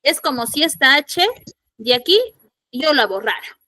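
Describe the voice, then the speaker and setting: High-voiced woman teaching an online class. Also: lively intonation, measured pace, bright, forceful tone. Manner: questioning, repeats key points for students. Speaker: secondary school language teacher. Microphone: computer mic in an online class.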